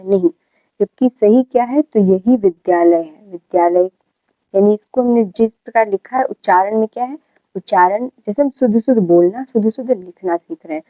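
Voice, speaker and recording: A woman teaching a grammar lesson at mid pitch. She repeats key words and keeps checking in with her students. The recording is muffled and dry, with no room sound. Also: no echo.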